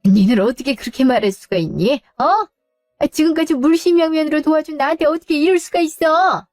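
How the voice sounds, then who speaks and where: A proud, wounded mother in her sixties in a radio drama, sighing and grumbling under her breath. Her voice is dark and mellow and fairly high. It sounds dry, with faint music underneath. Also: expressive, a little slow, no echo. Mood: indignant. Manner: sighing, muttering complaints to herself. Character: retired older mother, hurt and proud.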